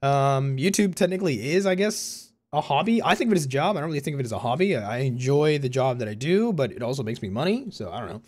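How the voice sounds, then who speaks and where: Speaking fast with barely a pause, this early-twenties man has a medium-pitched, very animated voice with a darkish tone. A university student and YouTuber from Concord, California, he chats to viewers in a personal vlog, rambling informally in a Californian American accent, often correcting himself and saying "you know" and "like" constantly.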